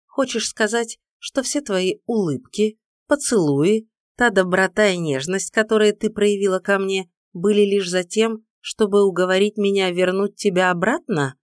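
A woman voicing a powerful male mage who speaks calmly with a steely, challenging edge. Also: on the low side, normal speed, dry recording, clean studio sound, lightly acted.

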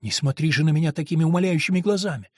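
A man reading a novel aloud, voicing a domineering, lustful monk who speaks slowly and coaxingly. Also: breathy edge, dry recording, clean studio sound. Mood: impassioned. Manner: low, slow and coaxing.

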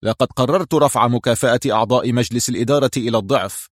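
A man's voice: medium pitch, rapid-fire, dry recording, studio quality, close to an everyday voice. A man voicing a self-assured male company boss addressing his board in a storybook reading. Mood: smug.

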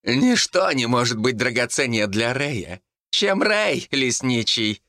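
A man's voice: medium pitch, big pitch swings, slow pace, bright, forceful tone, no room sound, clean studio sound, voice pushed up, exaggerated voice. A man voicing a scheming, ranting male monk who shrieks threats and then turns sugary.

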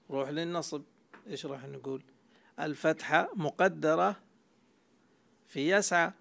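Male grammar teacher, gravelly voice, patient step-by-step lecturing, quizzes the class. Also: on the high side. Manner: explains step by step, quizzing students.

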